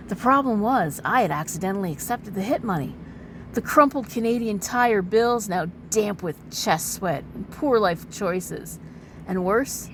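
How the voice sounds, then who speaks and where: A woman's voice: medium pitch, background noise, natural voice. A woman performing a sardonic noir romance heroine in a hammy, theatrical stage-actor manner for a melodramatic dramatic reading.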